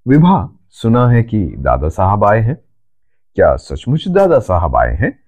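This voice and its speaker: A man's voice: fairly low pitch, sing-song, measured pace, darkish tone. A man putting on a proud young woman. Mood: eager. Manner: eager, slightly petulant.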